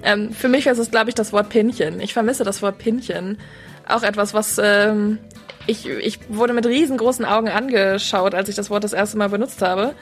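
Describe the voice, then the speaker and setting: A woman's voice: medium pitch, steady tone, moderate pace, soft background music. A young woman student in a casual radio chat, telling stories in a chatty, amused way. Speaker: student co-presenter.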